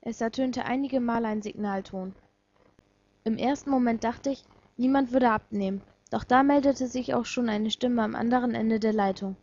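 A woman narrating a first-person story in a measured, reflective way, her voice husky and mellow yet fairly high. The sound is dull and lo-fi, as from a simple home microphone. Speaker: reader of a fan story.

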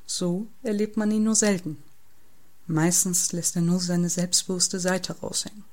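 A woman reading a novel aloud in the first person, with calm, wry storytelling. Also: lowish voice, a little slow. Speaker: audiobook narrator. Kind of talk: first-person audiobook narration.

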